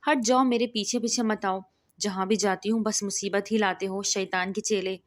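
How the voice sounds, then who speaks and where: A woman's voice: medium pitch, steady tone, lightly acted. A woman voicing an irritated young woman scolding a prankster in a read-aloud story.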